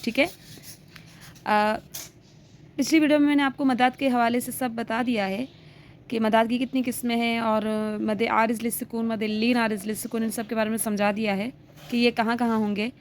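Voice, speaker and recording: A woman with a slightly high voice and fairly even intonation teaches a reading lesson step by step at a moderate pace, with slight background noise. She patiently sounds out letters, stretches the vowels, and keeps checking in with "theek hai" as she goes.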